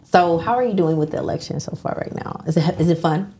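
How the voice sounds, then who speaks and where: A woman's voice: low voice, fast, dark tone. A woman hosting a community radio interview, chatty, asking questions and laughing easily. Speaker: radio host.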